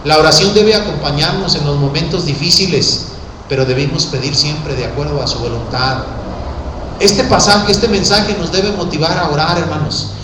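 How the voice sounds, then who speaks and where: A man preaching a sermon, passionately swinging between hushed tones and shouts. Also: on the high side, normal speed, noisy background. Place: church sanctuary. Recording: echoey church hall.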